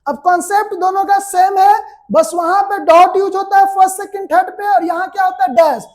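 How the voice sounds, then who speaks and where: This shorthand instructor, a woman with an Indian Hindi accent, lectures her class step by step and checks in with quick questions. She sounds very high-pitched and a little mellow, keeping a steady tone.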